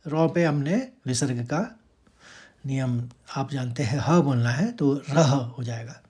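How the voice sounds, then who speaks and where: A man teaching how to pronounce a Sanskrit verse. He chants each line slowly and drawn out, then explains the sounds more quickly, speaking. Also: mid-range voice, warm tone, slightly rough.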